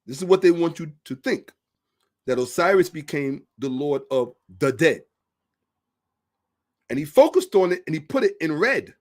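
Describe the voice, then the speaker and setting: A man's voice: on the high side, animated, normal speed, pauses often, a little mellow. A man hosting a social commentary monologue, emphatic and repetitive, asking rhetorical questions. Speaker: host.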